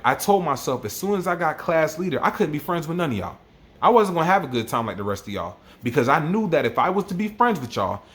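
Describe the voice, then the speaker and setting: A man's voice: mid-range voice, fairly bright tone. A man telling a personal story as a vlogger, emotional and worked up, often repeating himself. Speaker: army NCO vlogger.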